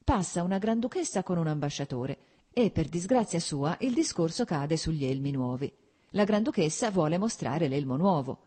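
A woman voicing a merry young male officer who tells gossip with excited exclamations. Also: sits low, normal speed, breathy edge.

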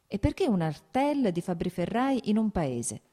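A woman reading an audiobook, voicing a mild, timid man who speaks quietly and hesitantly. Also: medium pitch, big pitch swings, moderate pace, voice pushed up. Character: mild, timid landowner, younger brother.

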